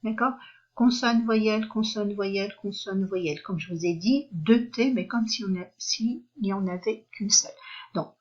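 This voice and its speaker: A woman's voice: mid-range voice, moderate pace, lo-fi sound. A woman teaching a language lesson, patiently spelling out letters and counting syllables. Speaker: French teacher. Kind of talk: slow explanatory lesson.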